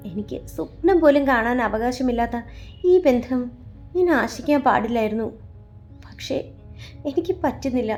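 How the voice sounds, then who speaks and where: A woman voicing a shy eighteen-year-old orphan girl who talks softly and wistfully about her secret love. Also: medium pitch, natural voice. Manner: soft, wistful, confiding.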